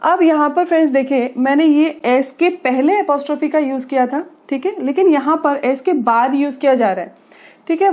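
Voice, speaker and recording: Grammar teacher, female, high-pitched voice, patient and repetitive explainer. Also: dark tone. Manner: explains slowly, checking understanding with frequent tag phrases; reads English examples slowly and carefully. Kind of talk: classroom-style grammar lesson.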